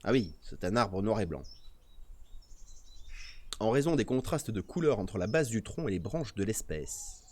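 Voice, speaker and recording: Animated, playful male streamer. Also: fairly low pitch, a little slow, long pauses. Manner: playful, teasing, mock-indignant. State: tired. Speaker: nature streamer hosting a press review. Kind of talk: live-stream chat, reading aloud with joking asides.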